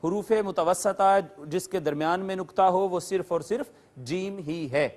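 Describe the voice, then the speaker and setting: A man teaching a Quran course, patiently explaining letters and recitation rules, addressing viewers politely and repeating key terms with their meanings. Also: high-pitched.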